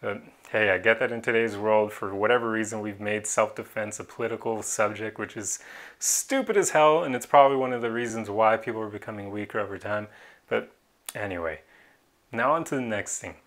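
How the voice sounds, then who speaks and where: Gravelly-voiced man, earnest vlog talk. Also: lowish voice, brisk, a bit bright. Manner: earnest, opinionated, laughs now and then. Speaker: vlogger. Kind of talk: casual opinion monologue.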